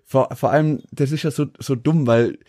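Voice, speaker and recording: Mellow-voiced man, rambling anecdotes. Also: medium pitch, fairly even intonation, normal speed, no room sound, studio quality. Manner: rambling anecdotal storyteller, laughs often. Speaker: podcast co-host. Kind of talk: casual chat.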